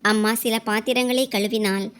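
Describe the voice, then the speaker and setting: A woman's voice: fairly high pitch, fairly even intonation, moderate pace, a bit bright, clear, resonant tone, close to an everyday voice. A woman doing an irritated grown son.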